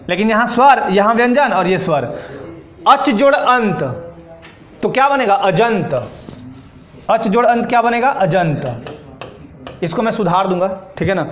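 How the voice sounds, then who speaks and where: A man's voice: sits high, fairly bright tone. A man teaching a classroom lesson, drilling students with repeated questions and answering them himself. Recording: echoey room, dull sound.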